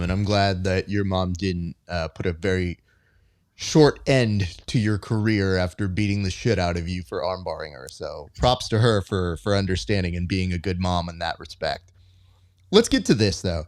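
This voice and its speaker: A man hosting an interview, asking questions in a chatty, joking way. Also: deep voice. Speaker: podcast host, interviewer. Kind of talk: conversational interview.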